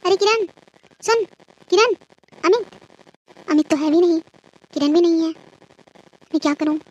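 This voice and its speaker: A woman's voice: high-pitched, flat delivery, fairly quick, highs cut off, close to an everyday voice. A woman voicing a proud, scolding middle-aged mother-in-law in a cartoon who later apologizes. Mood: bossy. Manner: bossy and loud, then apologetic. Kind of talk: cartoon voice acting.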